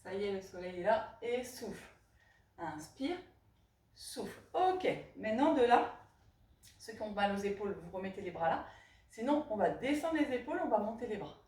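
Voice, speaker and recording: A woman leading a pilates class, counting reps and calling out breathing cues in brisk short commands. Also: mid-range voice, animated, darkish tone. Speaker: pilates instructor. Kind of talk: guiding a live fitness class. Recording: echoey room, voice from far off.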